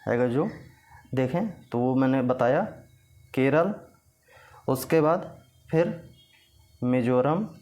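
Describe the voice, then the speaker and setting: A male teacher delivers an exam-prep lecture at an unhurried pace. His voice sits at a middle pitch as he dictates facts for notes and repeats the key points. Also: warm tone. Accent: Hindi.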